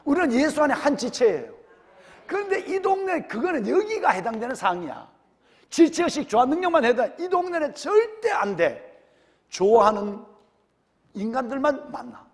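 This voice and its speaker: A man's voice: very high-pitched, sing-song, moderate pace, long reverb tail. A male senior pastor with a Gyeongsang accent, preaching a sermon and firing rhetorical questions at his congregation. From Gyeongsang region, Korea. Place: church sanctuary.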